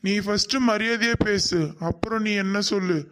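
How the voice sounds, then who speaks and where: Man playing a fiery protective brother, high voice. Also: steady tone, moderate pace, fairly bright tone. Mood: angry. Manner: confrontational, raised voice. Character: protective, hot-tempered older brother. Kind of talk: cartoon voice acting.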